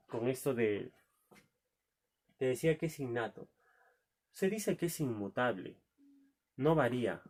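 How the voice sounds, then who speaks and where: A man teaching a recorded lesson, asking rhetorical questions and answering them himself, drawing out key words. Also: mid-range voice. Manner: drawn-out stressed key words.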